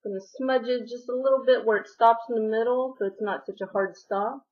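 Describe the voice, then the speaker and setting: A woman's voice: a little high, steady tone, a little fast, dull audio. Woman narrating a makeup tutorial. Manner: friendly step-by-step instructions. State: slightly losing her voice. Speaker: beauty vlogger.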